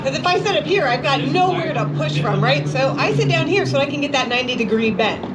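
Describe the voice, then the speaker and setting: A woman's voice: high voice, lively intonation, fast talker, over a noisy crowd. A woman giving a live instructional demonstration to a group, conversational and checking in with her listeners often. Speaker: motorcycle riding instructor. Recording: clear background noise.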